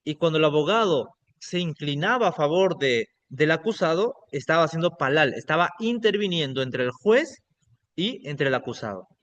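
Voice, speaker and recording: Man, pastor, slightly high voice, online lecture, explanatory, frequent check-ins. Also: expressive, moderate pace, fairly bright tone, dull audio. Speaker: pastor teaching biblical Hebrew.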